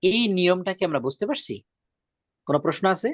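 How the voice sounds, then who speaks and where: A man teaching a Quran reading lesson. He repeats each rule patiently and draws out the example words slowly. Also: high-pitched, lively intonation, no echo. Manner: drawn-out slow demonstration of words.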